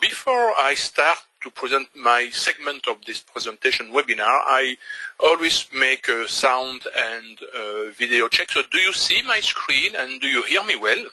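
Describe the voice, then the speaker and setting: An older trading instructor with a Belgian French accent presents a webinar slowly and haltingly, still searching for words in English. His medium-pitched voice is forceful, tense, animated, and a bit husky. The poor-quality audio is dry, close, and echo-free, captured by a computer microphone.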